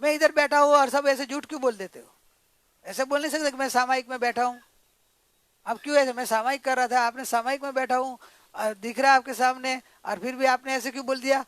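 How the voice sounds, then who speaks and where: A man voicing an angry old father-in-law who scolds quickly and indignantly. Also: very high-pitched, fairly even intonation, fairly bright tone, no echo.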